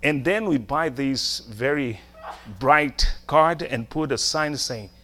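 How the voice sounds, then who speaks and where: Preaching slowly with a sharp tone and a medium-pitched voice, a middle-aged Brazilian man gives a sermon. A native Portuguese speaker with a Brazilian accent, he uses emphatic short phrases and rhetorical questions.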